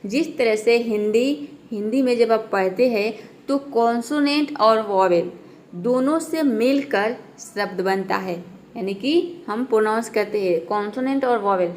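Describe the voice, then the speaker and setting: A woman English teacher giving a beginners' pronunciation lesson, explaining patiently step by step and repeating each word slowly. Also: fairly high pitch, darkish tone, slight background noise.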